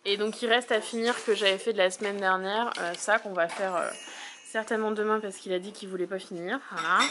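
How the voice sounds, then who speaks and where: A mother chatting casually as she calmly explains her child's schoolwork step by step. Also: medium pitch, a little fast, noisy background. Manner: explains step by step, calm and practical. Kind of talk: casual chat.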